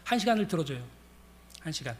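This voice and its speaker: A man with a high voice preaches a sermon. He tells a story and acts out the dialogue along the way, in a plain pastor's delivery. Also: big pitch swings, fast.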